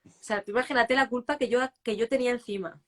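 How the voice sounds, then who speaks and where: A woman's voice: fairly high pitch, steady tone, fast talker, fairly bright tone. A woman in her forties hosting an interview, speaking candidly and reflectively about her own life. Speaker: host. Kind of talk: casual interview talk. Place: live online stream.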